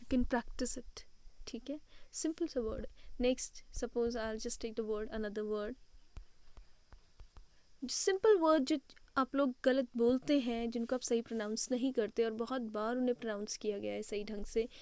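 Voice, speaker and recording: A woman's voice: a little high, unhurried, mellow, dry recording. A woman teaching an English lesson, switching between Hindi and English and spelling words out letter by letter.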